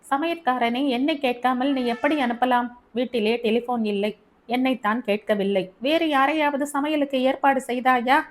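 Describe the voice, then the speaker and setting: A woman reads an arrogant young husband in an audiobook story, scolding his wife in a raised, emphatic voice. He is irritable and proud of his status. The voice sits fairly high. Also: moderate pace, lightly acted. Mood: angry, scolding. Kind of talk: audiobook character reading.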